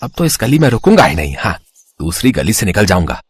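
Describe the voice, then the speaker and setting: A man's voice: fairly low pitch, sing-song, quick pace, breathy edge, exaggerated voice. A man voicing a grumbling vegetable seller in a cartoon, muttering complaints to himself.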